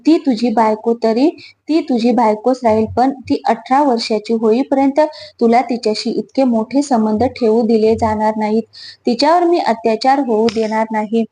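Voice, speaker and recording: A fierce old mother who scolds hard and shields the young, heard in a storybook reading, done by a woman narrator. The voice is slightly high and mellow, with a warm, soft tone. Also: moderate pace, lightly acted. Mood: furious. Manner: scolding, protective.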